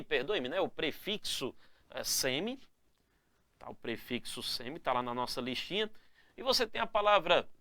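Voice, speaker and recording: Man, grammar teacher, energetic spelling lesson, high and lively voice, dry close sound. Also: no room sound. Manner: energetic, calls the viewers "galera" and "moçada", ends phrases with "né?" and "tá?"; stretches out key words slowly to stress them.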